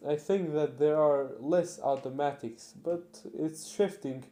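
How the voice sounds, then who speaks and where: Teen male car vlogger, unhurried, mellow tone, halting delivery with fillers. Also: a little high. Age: teens. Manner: halting, many fillers and restarts. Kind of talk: casual vlog talk.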